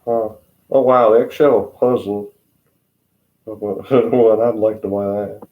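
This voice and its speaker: A man's voice: on the low side, fairly even intonation, a little slow, narrow, tinny audio. A teenage boy with an Upper Midwest American accent hosts a casual vlog about short-track racing. He rambles loosely, stops himself mid-sentence, and leans on "like" and "um". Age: teens. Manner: rambling, loose, many filler words, self-interrupting. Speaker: racing channel host.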